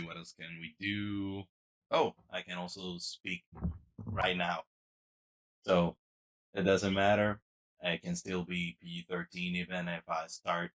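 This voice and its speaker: A man hosting a casual unboxing vlog, chatting in a relaxed way and thinking aloud as he tests his microphone setup. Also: low voice, poor audio. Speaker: channel host. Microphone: podcast mixer microphone.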